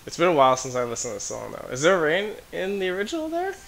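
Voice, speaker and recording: A man's voice: a little high, wildly swooping pitch, quick pace, creaky, a bit bright, slight background noise. Breathless man giving a rambling reaction. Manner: rambling, full of "like" and "um". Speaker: music video reactor. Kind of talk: casual reaction commentary.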